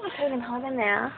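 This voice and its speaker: A young woman chatting casually and playfully, exclaiming often, filming inside a car at a car wash on a tinny camera with faint noise behind. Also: high voice. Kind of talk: casual chat while filming. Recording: tinny lo-fi camcorder audio with noise.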